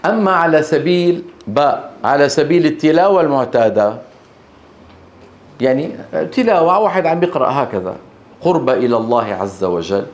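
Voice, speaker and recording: A man with a Levantine Arabic accent teaching Quran recitation to a class in a hall, speaking emphatically and quizzing his students with short questions. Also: on the high side. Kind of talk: classroom lecture. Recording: echoey room.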